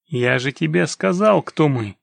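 A man voicing a stern male army scout commander who barks orders, with a gravelly, husky voice. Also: fairly high pitch, expressive, moderate pace, dry recording, heavily acted. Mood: commanding. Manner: barking commands.

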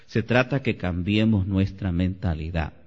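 A man preaching a Sunday sermon as pastor, animated and climbing to loud exclamations. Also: low voice, unhurried. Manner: animated preaching, rising to shouts. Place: church sanctuary. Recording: lo-fi church recording with long reverb.

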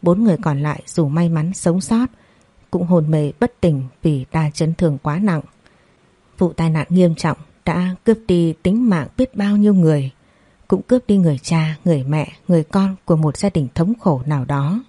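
Low, mellow woman narrating a drama. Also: moderate pace, husky, no room sound. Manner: steady, dramatic reading. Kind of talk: scripted audio story narration.

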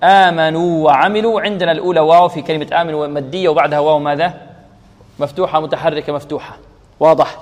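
A man teaching Quran recitation rules, who asks his students questions and answers them himself, and who chants verses slowly as examples. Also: fairly high pitch, level tone, darkish tone. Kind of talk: tajweed lesson with recited examples. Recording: radio broadcast with long reverb.

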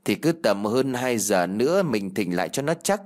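A man doing a gruff old village shaman. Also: on the low side, big pitch swings, normal speed, a little mellow. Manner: scolding, blunt.

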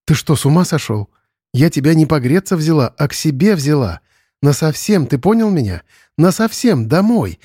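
A man voicing a hurt but resolute young woman in a storybook, speaking earnestly and a little higher. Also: very animated, moderate pace, warm tone, breathy edge, no echo, studio quality.

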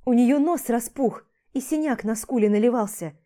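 A woman narrates an audiobook in the first person, with an emotional and expressive delivery. Her voice is mellow and warm and sits a little high. Her reading is steady and intimate. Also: normal speed.

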